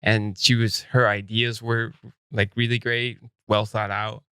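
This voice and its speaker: A man's voice: on the low side, level tone, measured pace, bright, forceful tone, clean tone, no echo, clean studio sound. A man hosting a podcast, chatting loosely, joking and swearing freely. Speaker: podcast host. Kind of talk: casual chat. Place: podcast studio.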